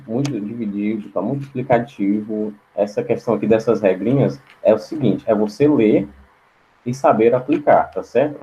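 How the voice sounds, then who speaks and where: A man's voice: medium pitch, mellow, lo-fi sound, slight background noise. A male teacher giving an online class lecture, explaining step by step, often asking "right?" and repeating words aloud to show how they sound. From Brazil. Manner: frequent checking tags.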